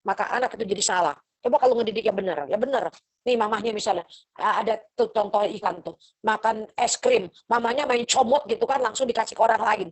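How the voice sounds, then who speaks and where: A woman's voice: fairly high pitch, quick pace, poor audio. A middle-aged woman lecturing a university class over a video call, chatty and motherly. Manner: motherly, chatty, acts out parents' lines.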